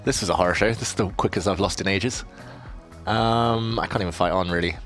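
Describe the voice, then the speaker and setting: Low-voiced self-mocking man streaming chess. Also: a little fast, a bit bright, faint music behind. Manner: self-deprecating, chatty, reads chat questions aloud. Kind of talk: casual live-stream commentary.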